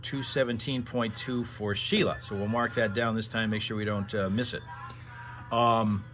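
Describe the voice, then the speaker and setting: A man's voice: on the low side, steady tone, normal speed, a bit bright, faint music behind. A man hosting a livestream, chatting casually to viewers in a rambling, conversational storytelling manner. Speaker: livestream host. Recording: clear background noise.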